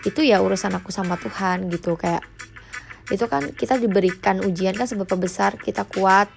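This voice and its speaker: A woman's voice: medium pitch, brisk, creaky, soft background music. A young woman, hosting her own podcast in a chatty way with lots of fillers and English phrases thrown in. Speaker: podcast host. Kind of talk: casual solo podcast.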